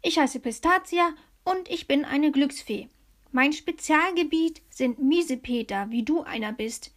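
A woman's voice: high-pitched, a little slow. A woman voicing a plump, cheeky female luck fairy in a storybook reading, with a sing-song, teasing manner.

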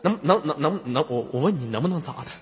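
A man with a Northeast Chinese accent hosting a live stream, teasing a caller in mock anger and bursting into shouts. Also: a little high, lively intonation, quick pace, big-room sound. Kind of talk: comic teasing chat with a caller. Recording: loud background noise.

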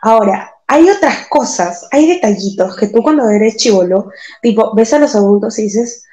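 A woman's voice: fairly high pitch, normal speed, warm tone. A young woman with a Peruvian Spanish accent co-hosting a podcast, trading playful, teasing banter in casual chat. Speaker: podcast co-host. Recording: roomy echo.

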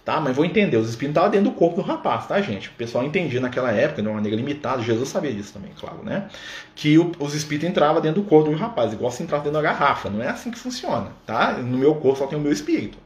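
Talking very fast with big swings in his slightly high voice, a man leads an informal spiritist study on a livestream. He keeps things conversational and checks in with viewers often, from an echoey room with some faint background noise.

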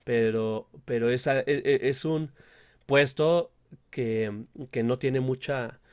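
In a dry recording with clean studio sound, a man speaks slowly in a medium-pitched, clean-toned voice with a Mexican accent. He is a film producer and director chatting casually as an interview guest, explaining with frequent check-in tags, and he can't pronounce the R sound properly due to a speech impediment.

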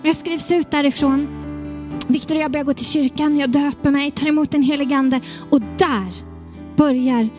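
A young woman telling her church testimony in an animated way, at times bursting into shouts. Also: sits high, over music. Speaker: testimony speaker.

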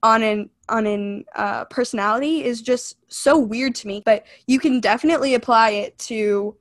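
This podcast co-host, a young woman from California, talks at a fairly high pitch and moderate pace in a casual chat. Her manner is earnest and thoughtful, sprinkled with "like" and "you know".

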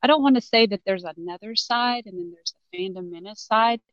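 A woman's voice: medium pitch, brisk, dry recording, muffled recording. A woman with a Southern Texan accent, a guest on a podcast, chatting in an easygoing way and laughing often. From Texas. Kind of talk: casual podcast chat.

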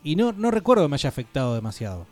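A man with an Argentine Spanish accent, co-hosting a radio show in casual, relaxed chat, telling stories and trailing off softly. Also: on the high side, rapid-fire, soft background music.

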